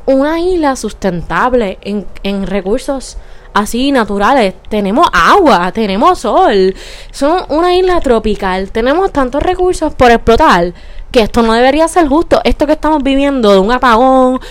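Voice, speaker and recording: A woman's voice: sits high, animated, moderate pace. A young woman with a Puerto Rican accent, ranting profanely in a casual monologue and slipping into English words. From Puerto Rico.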